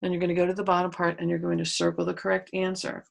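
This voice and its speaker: Teacher, woman, low husky voice, patient step-by-step remote grammar lesson. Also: completely flat delivery, very fast. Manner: patient, explains step by step, spells out letters. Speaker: grade school teacher.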